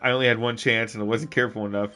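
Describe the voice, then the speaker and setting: A young man playing a game on stream, reading the dialogue aloud and chatting with viewers in a loud, rambling, jokey way. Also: mid-range voice, fairly even intonation, rapid-fire. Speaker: let's play streamer. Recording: game music underneath.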